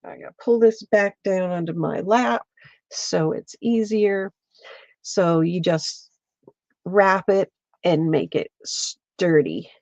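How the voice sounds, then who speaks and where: A woman with a stuffy, congested voice, slowly walking viewers through a craft step by step and chatting with them as she works. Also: fairly low pitch, vocal fry, darkish tone, no echo, highs cut off. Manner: slow, meandering, chats with viewers while working. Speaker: craft livestreamer. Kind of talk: casual craft demonstration. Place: home, at her lap.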